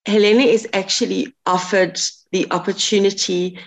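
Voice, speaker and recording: A woman's voice: medium pitch, fairly even intonation, normal speed, vocal fry, poor audio. A woman interviewing an author about her book. She asks thoughtful, earnest questions and often restarts her sentences.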